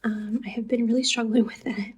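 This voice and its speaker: A woman talking casually to camera about her own language learning, soft-spoken and drifting into a breathy near-whisper, with chatty asides. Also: on the high side, fairly even intonation, fairly quick, a little hiss or hum, rough recording.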